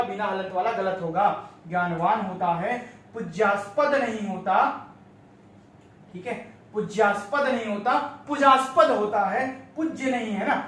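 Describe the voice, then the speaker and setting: A man teaching an exam-prep grammar lesson, slowly repeating correct and incorrect forms to drill them in. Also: sits high. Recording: very echoey room, mic at a distance.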